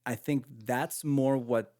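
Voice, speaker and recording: A man's voice: medium pitch, steady tone, takes it slowly, dark tone. A man co-hosting a podcast in casual chat, tossing in dry joking asides. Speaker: podcast co-host.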